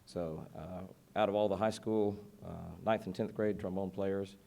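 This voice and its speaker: A man, a band director who is losing his voice, speaking haltingly at a board meeting. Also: low voice, fairly even intonation, gravelly, dark tone. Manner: halting, many fillers.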